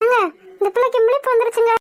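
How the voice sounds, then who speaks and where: A woman's voice: extremely high pitch, level tone, very fast, no echo. A woman voicing a caring, anxious middle-aged housewife in a cartoon, fussing in a motherly way. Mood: worried, caring. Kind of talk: cartoon voice acting.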